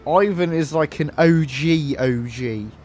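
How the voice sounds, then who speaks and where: A man's voice: on the high side, takes it slowly, faint music behind. Chatty man streaming a flight sim. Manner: relaxed, chatty, laughs often. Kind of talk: casual livestream chat while flying. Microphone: headset microphone.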